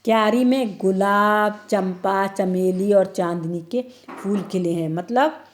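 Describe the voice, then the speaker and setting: Woman teacher, mid pitch, patiently walks through a class lesson, repeating answers. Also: slow, slight background noise. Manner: explains step by step, repeating answers.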